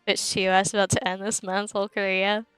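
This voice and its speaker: Giggly young woman streamer, smooth voice. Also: medium pitch, level tone, fast, a bit bright, no room sound, soft background music, poor audio. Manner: giggly and rambling, often laughing mid-sentence. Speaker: livestreamer. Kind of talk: casual chat with viewers.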